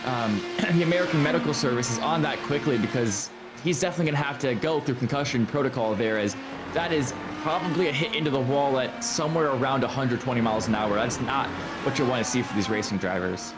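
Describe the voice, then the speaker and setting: A man's voice: mid-range voice, quick pace, loud music behind the voice. A man giving live motorsport commentary, analysing the race in an emphatic, opinionated way.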